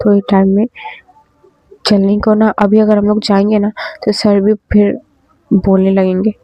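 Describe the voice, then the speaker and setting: A woman's voice: medium pitch, monotone, normal speed, no echo, natural voice. A woman voicing a caring young female college friend, coaxing and insistent, in a storybook reading. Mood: soothing. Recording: dry, slightly dull lo-fi.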